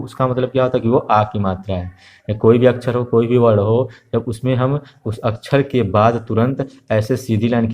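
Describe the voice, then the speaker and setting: A man teaching an online Hindi lesson to young children, slow and patient, repeating each letter and sound with many filler sounds. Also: medium pitch.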